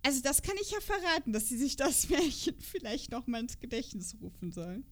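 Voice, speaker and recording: A woman co-hosts a podcast reviewing children's audio dramas, rambling through a casual, unscripted chat and often checking that the others agree. Her voice is high-pitched, very animated and brisk.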